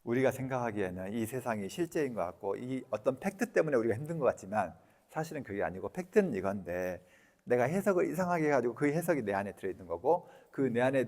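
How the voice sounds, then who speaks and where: A man's voice: mid-range voice, a little mellow. A man giving a casual, blunt lecture on emotional healing, keeps quizzing his audience in plain everyday speech. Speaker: EFT lecturer and clinic director. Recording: long hall reverb.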